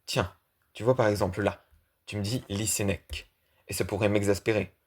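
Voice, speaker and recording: A man's voice: lowish voice, fairly even intonation, moderate pace, husky. A man doing a prickly, blunt friend. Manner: brooding, sharp, argumentative. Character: irritable, blunt middle-aged man. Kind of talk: audiobook reading of a play.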